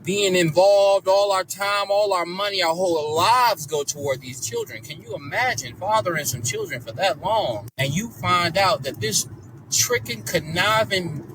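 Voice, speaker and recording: A man in his thirties giving an animated, emphatic, profane commentary, full of rhetorical questions. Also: high voice, moderate pace, background noise. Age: 30s. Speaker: social media creator reacting to a news story. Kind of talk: casual commentary clip. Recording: distant mic with clear background ambience and vehicle sounds.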